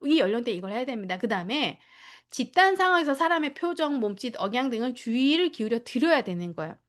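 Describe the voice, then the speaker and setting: A woman with a high voice lectures daycare teachers in a lively, fast-paced training session. She acts out lines from both children and teachers and checks in with short tag questions.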